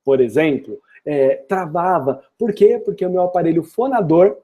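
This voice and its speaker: A Brazilian man gives an upbeat online English lesson and drives his points home with rhetorical questions. His voice sits a little high for a man, but its tone is very dark and mellow. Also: moderate pace. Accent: Brazilian Portuguese. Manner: energetic and encouraging, with frequent rhetorical questions. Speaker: English teacher.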